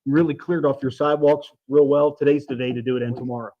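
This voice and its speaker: A man co-hosting a news broadcast, chiming in quickly with jokes and short replies. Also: mid-range voice, level tone, muffled recording. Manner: quick, joking, backchanneling. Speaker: news co-host. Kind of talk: casual studio banter.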